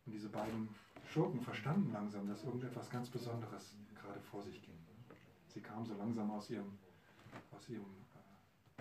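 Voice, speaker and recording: A man telling a devotional story to a live audience, lively and asking his listeners questions. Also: lowish voice, noisy background. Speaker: storyteller, preacher. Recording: roomy hall, mic far, audience.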